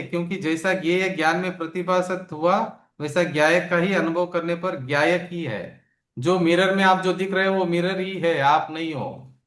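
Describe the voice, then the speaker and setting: A man giving a spiritual scripture lesson, explaining slowly and asking his listeners questions, with homely examples. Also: high-pitched, a bit bright, roomy sound. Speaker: spiritual teacher.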